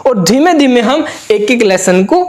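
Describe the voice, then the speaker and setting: A man teaching a school science lesson to pupils, repeating each term slowly several times and often checking that they follow. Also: very high voice, animated, darkish tone. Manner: drills terms by slow repetition, keeps checking in with pupils. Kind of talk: classroom-style video lesson.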